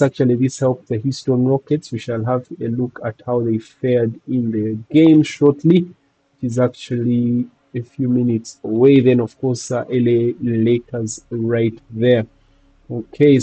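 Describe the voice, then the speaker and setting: A man hosting a fantasy basketball video, recapping games and stats in a halting casual way with many fillers. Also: medium pitch, dark tone, slightly rough, poor audio. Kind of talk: casual recap over game highlights.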